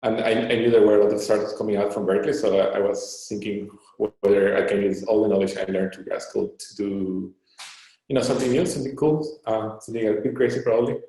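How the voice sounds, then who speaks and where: A man's voice: fairly low pitch, fairly even intonation, mellow. A man in his thirties from Peru, a startup co-founder answering interview questions with lots of fillers and restarts. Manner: halting, many fillers and restarts. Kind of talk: online Q&A interview. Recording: very echoey room.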